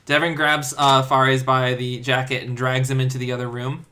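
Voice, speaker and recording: A man narrating a tabletop game as its game master. His voice is bright and clear over a faint hiss. He pauses often with hesitant fillers. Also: mid-range voice, level tone.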